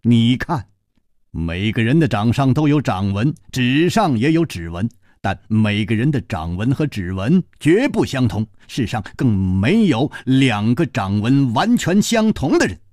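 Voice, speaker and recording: A man playing a suave, sharp-witted male detective hero, calm and teasing, in a spoken storytelling recording. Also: mid-range voice, measured pace, dry recording, studio quality. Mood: amused.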